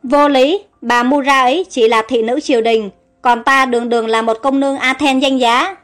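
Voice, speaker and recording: A proud noblewoman, voiced by a woman narrator, scolds the servants with indignant haughtiness in a storybook reading. The voice is high and sharp-edged in tone. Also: fairly even intonation, moderate pace, soft background music.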